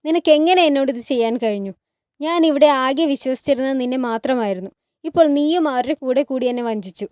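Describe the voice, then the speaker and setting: An enraged young favourite of a sultan snaps in a sharp, raised voice, put on lightly by a woman narrating a storybook retelling. The voice sits a little high yet mellow. The sound is dry and close. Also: normal speed, no echo, close to an everyday voice. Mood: furious.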